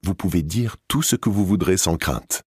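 A man's voice: deep voice, moderate pace, darkish tone, slightly rough, no echo, clean studio sound, voice pushed up. A man reading an audiobook, voicing an older noblewoman in a raised, affectionate voice.

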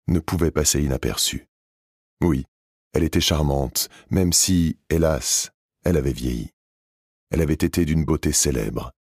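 A man narrating a classic novel in a calm, measured reading. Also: a bass voice, dry recording, studio quality. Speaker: audiobook narrator. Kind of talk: scripted narration.

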